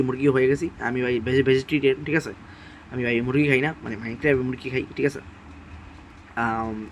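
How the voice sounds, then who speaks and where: Soft-spoken gaming host. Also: male voice, mid-range voice, slight background noise. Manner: speaks softly and quietly late at night; repetitive, pleading with viewers, apologetic. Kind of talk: casual gameplay commentary.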